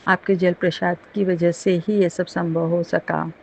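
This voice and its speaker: A woman's voice: fairly low pitch, little pitch movement, unhurried, creaky, dull audio, a little hiss or hum. A middle-aged woman sharing a devotional testimony with her congregation, earnest and emotional, with many restarts and fillers.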